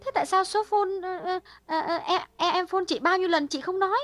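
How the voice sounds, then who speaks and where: A woman's voice: very high-pitched, a little fast, a bit bright, faint music behind. A woman voicing a gossipy younger woman who keeps asking questions in an audiobook. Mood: anxious. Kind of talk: audiobook dialogue reading.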